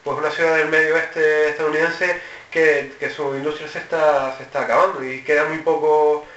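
A man's voice: fairly high pitch, level tone, moderate pace, fairly bright tone. A man co-hosting a roleplaying podcast, chatting casually and rambling through restarts. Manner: rambling, restarts mid-phrase. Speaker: podcast co-host. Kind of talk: casual roundtable chat. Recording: roomy, distant, dull lo-fi mic.

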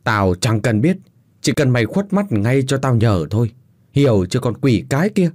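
A man's voice: medium pitch, very animated, moderate pace, a little mellow, no room sound, studio quality. A man playing a cruel, cold husband who speaks in harsh, commanding threats.

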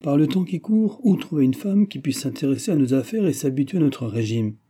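A man reading the part of a timid, gentle brother in his fifties who frets and pleads. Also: a little high, expressive, a little fast, breathy edge, voice pushed up. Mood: fretful. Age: 50s. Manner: fretful, pleading.

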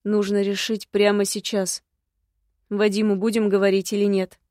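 A stern older woman, a grandmother who takes charge in firm, decisive words, voiced by a woman narrator. Her delivery stays level, with little change in pitch. The sound is dry and close. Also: completely flat delivery, normal speed, darkish tone, dry recording, lightly acted.

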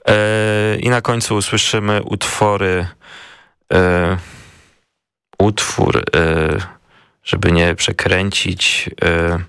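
A man co-hosting a radio show, chatting casually and hesitantly, with many filler sounds and pauses. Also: sits low, level tone, a bit bright, clean tone, no echo, studio quality. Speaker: radio co-host. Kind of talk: casual radio chat about Japanese words. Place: radio studio.

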